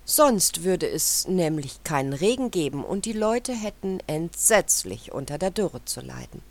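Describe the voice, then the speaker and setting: A woman voicing a self-important spider who boasts, dropping into a soft whisper at times. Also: lowish voice, sing-song, measured pace, pitched above the performer's own voice, heavily acted.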